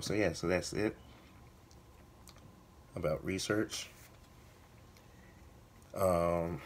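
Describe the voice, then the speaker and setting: A man with a hoarse voice that is giving out, talking casually to viewers as a vlogger, halting and correcting himself as he thinks aloud. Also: deep voice, a little hiss or hum. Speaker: video blogger, writer. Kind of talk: casual vlog talk to viewers.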